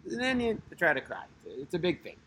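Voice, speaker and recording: A man's voice: high voice, big pitch swings, racing, a bit bright, slight background noise. A man in his thirties, a religious teacher, telling a personal story casually with many fillers.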